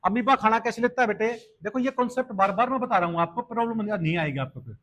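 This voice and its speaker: A man's voice: high-pitched, quick pace, fairly bright tone. A man teaching biology for an entrance exam, asking questions and answering them himself, addressing students as "beta", with science in pronunciation. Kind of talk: exam-prep lecture.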